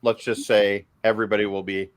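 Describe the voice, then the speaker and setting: A man hosting a casual group chat, talking with excited emphasis and repeating phrases. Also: lowish voice, a little fast, clear, resonant tone. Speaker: show host.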